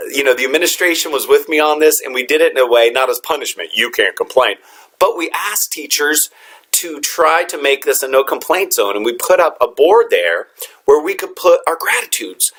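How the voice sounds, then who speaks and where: Man, teacher, motivational talk, earnest, storytelling, mid-pitched voice. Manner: earnest storytelling with lively quoted dialogue.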